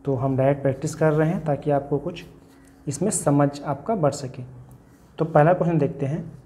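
A man's voice: on the high side, a little fast, mellow. An Indian man teaching an online grammar lesson, explaining patiently with lots of examples. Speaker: English teacher. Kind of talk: classroom-style video lesson.

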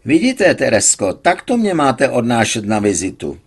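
A man's voice: medium pitch, wildly swooping pitch, breathy edge. A man doing a jovial hospital doctor. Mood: joking.

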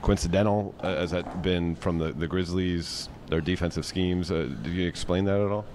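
A male sports reporter asking measured, methodical questions at a press conference. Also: deep voice, steady tone, darkish tone, slight background noise.

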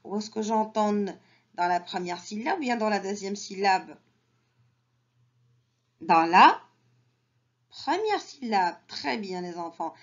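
A woman teaching an early reading lesson to children, repeating each word slowly and breaking it into syllables. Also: mid-range voice, lively intonation. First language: Arabic. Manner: slow, syllable-by-syllable modelling with repeated words. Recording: dull lo-fi sound.

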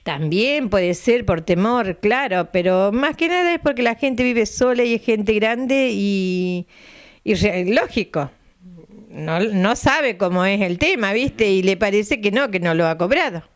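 A woman's voice: mid-range voice, expressive, a little slow. An older woman with an Argentine accent, president of a retirees' center, chatting in a local TV interview at home into a handheld mic, repeating dates patiently. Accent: Argentine Spanish. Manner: chatty, repeats dates and tags lines with a questioning aside. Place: living room at home. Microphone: handheld mic held by interviewer.

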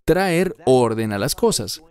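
With a clear, resonant, slightly mellow voice at medium pitch, a man dubs an earnest fifty-something Bible teacher. He delivers the sermon verse by verse in a sing-song manner, with emphatic, deliberate phrasing.

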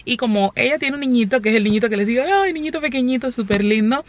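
A woman's voice: a little high, quick pace. A woman chatting casually to her vlog viewers, fond and talkative, patiently explaining words. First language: Spanish. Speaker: family vlogger.

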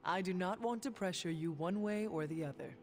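A woman voicing a calm, formal young demon hunter in a video game, composed and stoic. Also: on the low side, brisk, natural voice. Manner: formal, composed, few contractions.

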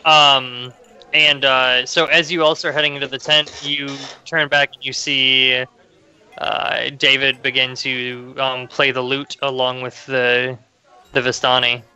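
A young man acting as game master, narrating a tabletop game conversationally and somewhat haltingly over a group call. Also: medium pitch, flat delivery, sharp tone, clear, resonant tone, low-quality recording. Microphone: online group video call.

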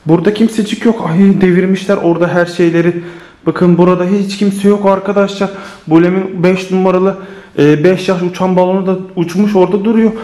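A man filming a playful family vlog, teasing the kids and chatting to viewers in an animated way. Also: high voice, a little hiss or hum. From Turkey. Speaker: family vlogger.

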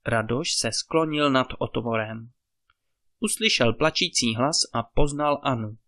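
A man reading a fairy tale aloud as a storyteller, in calm, measured narration. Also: mid-range voice.

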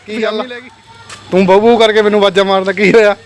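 A man's voice: sits high, level tone, fast talker. A man with a Punjabi accent filming a casual family vlog, playfully calling out to his kids and pets. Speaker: family vlogger, father.

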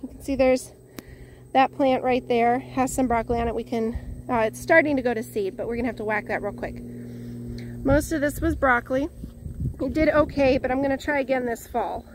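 Against a noisy background, a woman from Northwest Illinois speaks briskly in a high-pitched voice while touring her vegetable garden outdoors on foot. A home gardener vlogger, she's cheerful, thankful and a little out of breath, chatting casually and often restarting.

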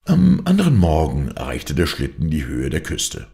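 An audiobook narrator, male, delivers a classic adventure novel in a steady, deliberate way. The voice is gravelly and very low.

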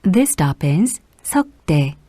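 A woman giving a recorded subway train announcement in a very slow, careful delivery. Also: fairly low pitch, very animated, mellow, no room sound.

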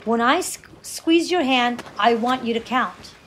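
Lady doing a high squeaky boy, puzzled and cheeky, storybook. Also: measured pace, fairly bright tone, a little hiss or hum.

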